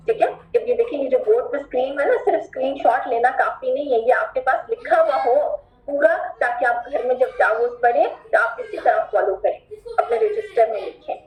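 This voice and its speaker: A woman with a high voice leads a recitation class and firmly asks her students to pay attention. She repeats each word slowly and stretches it out to show how it should sound. The room is noticeably echoey. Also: a little mellow. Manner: instructive, repeats words slowly drawn out as examples. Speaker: Quran recitation teacher. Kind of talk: online class instruction.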